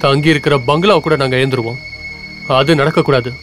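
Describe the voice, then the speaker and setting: A man's voice: medium pitch, steady tone, a little fast, natural voice. An actor playing a greedy young man who schemes to marry a rich girl, speaking in a sneering, mocking way. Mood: scheming. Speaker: film character. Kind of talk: Tamil film dialogue. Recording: film soundtrack with music underneath.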